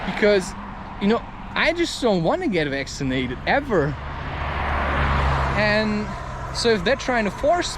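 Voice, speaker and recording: This high-pitched male voice, heard with background noise, belongs to a vlogger and podcaster. He offers a frank, wandering personal monologue, thinking out loud and repeatedly using tag questions as if seeking agreement.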